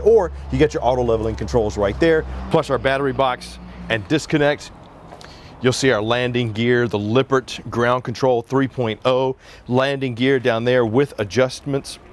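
A man in his forties presenting an RV on an outdoor sales lot, talking in a casual, upbeat salesman style into a lapel mic. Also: mid-range voice. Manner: upbeat, conversational salesman patter. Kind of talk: walkaround product review.

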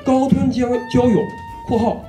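A man's voice: very high-pitched, steady tone, normal speed, warm tone. A man performing a stand-up comedy routine into a stage microphone in a small club. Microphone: handheld or stand stage microphone. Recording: roomy club sound with music behind.

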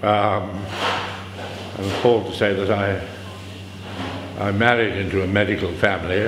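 A man's voice: fairly low pitch, reverberant, in a large hall, rough recording. An older man speaking bluntly and with firm opinions in an interview. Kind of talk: casual interview.

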